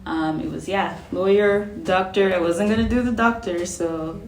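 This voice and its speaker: A woman in her twenties from Cameroon, answering interview questions in a measured way with fillers. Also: medium pitch, a little mellow, reverberant, a little hiss or hum, poor audio. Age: 20s. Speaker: guest.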